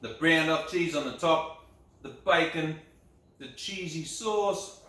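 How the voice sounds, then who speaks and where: A man's voice: on the high side, takes it slowly, pushed and bright, heavy reverb, distant mic, poor audio. A man, chatting casually through a home cooking vlog in an upbeat way. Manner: chatty, upbeat, laughs often. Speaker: cooking vlogger. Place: home kitchen.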